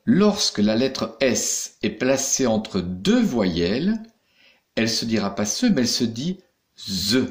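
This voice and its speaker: A man teaches young children at an unhurried pace and walks through every step with patience. His voice rises and falls in a lively way to keep their attention. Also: medium pitch. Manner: slow, patient, spelling out each step. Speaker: primary school teacher. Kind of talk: recorded remote lesson instructions for young pupils.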